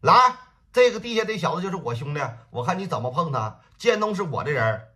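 A man's voice: fairly high pitch, very animated, fast talker, a bit bright, voice pushed up. A man voicing a proud, defiant young gang boss, issuing cold, boastful threats.

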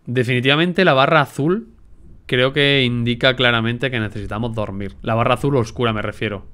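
Swearing, excitable gameplay streamer man. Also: mid-range voice, a little fast, smooth. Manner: excitable, swears a lot, talks to himself. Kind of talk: casual gameplay commentary.

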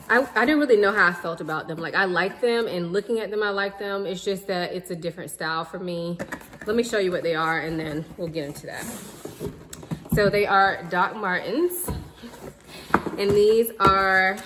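Casually chatting through a haul vlog, a woman in her thirties sits in front of the camera in her home living room, relaxed and addressing viewers as "y'all." Her voice is mid-range, and it sounds as if she's in a large hall with a noisy background.

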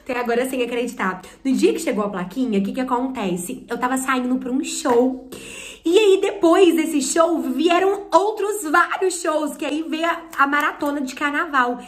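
A woman with a Brazilian Portuguese accent in an excited unboxing vlog, talking breathlessly and nervously, close to tears. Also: sits high, moderate pace. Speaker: YouTuber and performer. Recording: echoey room.

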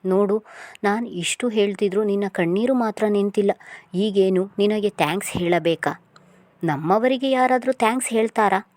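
A woman's voice: medium pitch, a little slow, a little mellow, no room sound, close to an everyday voice. A woman voicing a curt, guarded young man who teases and brushes people off, in a storybook reading. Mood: teasing. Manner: curt and teasing.

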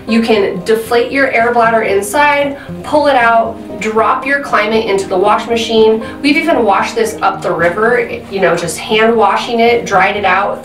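A chatty woman with a slightly high voice gives a casual review of gear, using lots of "um" fillers. She's a product reviewer sitting at a desk indoors, and the recording sounds roomy and slightly distant.

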